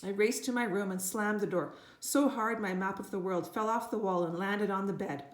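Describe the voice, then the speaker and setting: A woman reading a children's book aloud at a mid pitch, storytelling with lively energy. Her voice bounces around an echoey room. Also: moderate pace. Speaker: reader. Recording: roomy echo.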